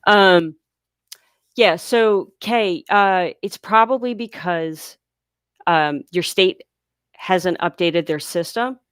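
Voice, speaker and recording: This livestream host, a woman near a large US city, answers viewer questions from home, reading each aloud and explaining patiently, though her blocked sinuses leave her congested. Her voice is on the low side, slightly bright and smooth, delivered slowly with studio quality and no room sound.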